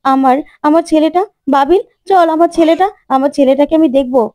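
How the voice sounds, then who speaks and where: A woman's voice: high-pitched, fairly even intonation, brisk, warm tone, no room sound, voice pushed up, natural voice. A woman voicing a distraught, guilt-ridden mother who keeps repeating herself through tears.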